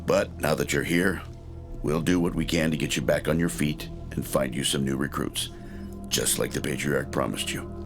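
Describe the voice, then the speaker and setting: An actor playing a gruff, older retired male war hero who recruits soldiers, speaking in a dry, understated way. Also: fairly even intonation, normal speed. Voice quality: deep gravelly voice. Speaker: recruiting sergeant. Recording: game audio over loud music.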